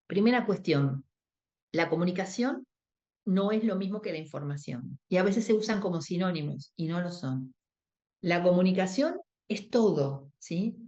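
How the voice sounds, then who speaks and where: This Rioplatense-accented workshop instructor covers emotional first aid at a moderate pace, her voice lowish, mellow, and animated. She explains in steps, performs quoted lines, and invites the audience's agreement. The audio is dull.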